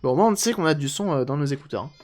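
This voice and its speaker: A man's voice: fairly high pitch, lively intonation, very fast, a little mellow. A man chatting casually on a live stream while repairing a handheld console, joking and answering chat aloud.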